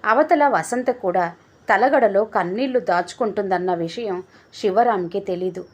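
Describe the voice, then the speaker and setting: A woman narrating a family story in a measured, steady reading voice. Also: medium pitch. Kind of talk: scripted narration.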